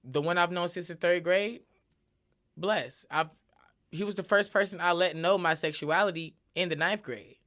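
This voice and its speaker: This casual solo podcast monologue features a woman host with a lowish, fairly bright voice at normal speed. She speaks emphatically and uses plenty of repeated filler tags.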